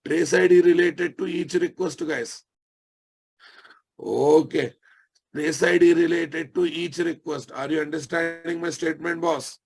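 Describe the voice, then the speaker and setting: In a gravelly, breathy voice on the high side, a man with an Indian Telugu accent teaches software live, keeping a steady tone and an unhurried pace. He repeats every phrase and verifies that his listeners follow along.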